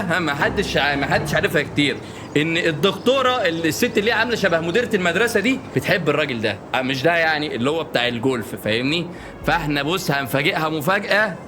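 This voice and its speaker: A man with an Egyptian Arabic accent giving joking let's-play commentary, often bursting into panicked repeated shouts. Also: a little high, background noise. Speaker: gaming YouTuber. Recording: game music playing underneath.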